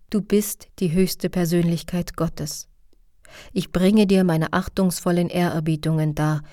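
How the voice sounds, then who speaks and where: A repentant king of the heavens pours out a humble, pleading prayer, as a woman reads him aloud. The voice sits low and mellow, recorded dry and close in a storybook reading. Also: no echo.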